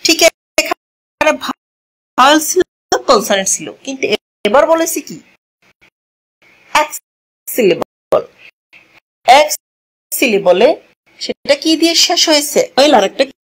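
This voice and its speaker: A woman's voice: high-pitched, expressive, a bit bright, low-quality recording. A woman with a Bangladeshi accent teaching a classroom grammar lesson, explaining step by step and answering her own questions, mixing English terms into her talk. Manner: slow and deliberate, asks questions and answers them herself. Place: classroom at a board.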